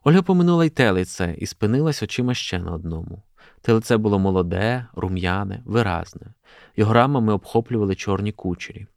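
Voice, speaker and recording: A man, a journalist, reading a classic prose excerpt aloud in a steady, measured way. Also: lowish voice, gravelly, no echo, studio quality.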